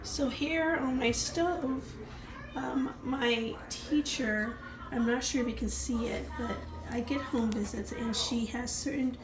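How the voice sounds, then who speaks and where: A woman vlogger with a cold casually explains her cooking routine step by step while handling things in her home kitchen. Her voice is a little high and reverberant, and the kitchen recording is noisy.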